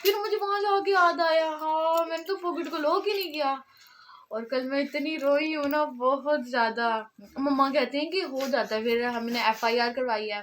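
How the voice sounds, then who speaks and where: High, bright Saraiki-accented woman vlogger. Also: slight background noise. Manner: rambling, emotional, half laughing half tearful. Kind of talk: casual vlog storytelling.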